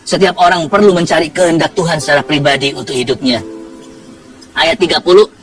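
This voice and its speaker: High-voiced man preaching a lively sermon. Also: brisk, far from the mic, faint music behind. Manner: lively preaching with humor and acted quotes. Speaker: pastor.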